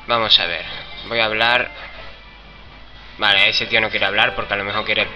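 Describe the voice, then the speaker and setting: A man's voice: fairly low pitch, level tone, normal speed, poor audio. A man with a Spain Spanish accent commenting on his gameplay with crude, joking remarks. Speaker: gamer. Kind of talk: let's play commentary. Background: video game music.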